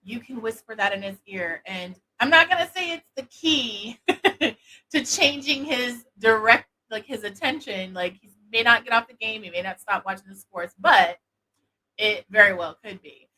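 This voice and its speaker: A woman hosting a casual product demo, talking in a soft, sultry voice with many fillers. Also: a little high, lively intonation, normal speed, poor audio. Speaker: host of an intimacy product show.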